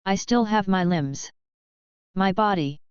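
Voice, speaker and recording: A woman's voice: medium pitch, takes it slowly, clear, resonant tone, dry recording, natural voice. A woman voicing a calculating young Sith man who mocks and scoffs, in a fan-fiction audio story. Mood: wry. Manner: wry, scoffing. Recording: slightly dull, dry recording.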